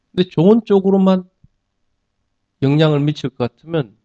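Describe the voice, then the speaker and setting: Teaching a dharma talk, a man puts questions to listeners and answers them didactically, using everyday examples to explain. His voice is medium-pitched and dark, recorded dry and muffled.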